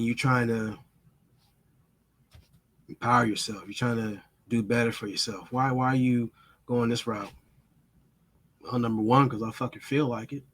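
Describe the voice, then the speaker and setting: A man in a middle pitch tells a rambling story straight to camera. He swears freely and speaks bluntly, slowing down and pausing for effect. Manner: blunt, profane, dramatic pauses. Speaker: vlogger. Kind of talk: casual storytelling monologue.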